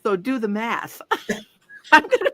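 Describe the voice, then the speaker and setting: Bright-voiced woman in her seventies. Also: fairly high pitch, very animated, takes it slowly. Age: 70s. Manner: upbeat, emphatic, agreeing often. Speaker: co-host, wellness coach. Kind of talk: casual talk-show chat.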